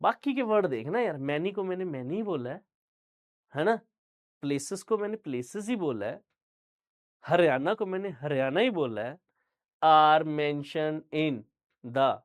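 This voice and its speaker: This GK teacher is a young man from Punjab, India, whose first language is Punjabi, giving an online lecture and checking in with students often. His slightly high voice has a sing-song quality at normal speed, with frequent pauses. He speaks directly to the students and says "theek hai" a lot.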